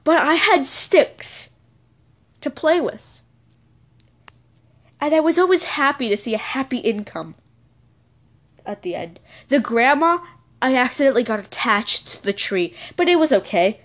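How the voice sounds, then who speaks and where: Chatty woman with a high, lively voice. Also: a little slow, pauses often. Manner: rambling, self-correcting, chatty asides. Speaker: storyteller. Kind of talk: casual storytelling episode.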